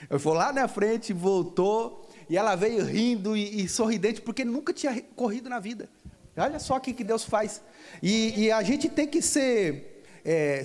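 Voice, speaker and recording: A man preaching a sermon in a church, telling a testimony and acting out the dialogue, rising into shouts of praise. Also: high-pitched, long reverb tail. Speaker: pastor.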